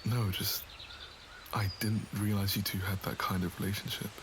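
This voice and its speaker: A man's voice: fairly low pitch, steady tone, moderate pace, background noise, lightly acted. A man playing a suave, needling noble lord in an ASMR romance roleplay, with a courtly, knowing manner. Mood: smooth, needling.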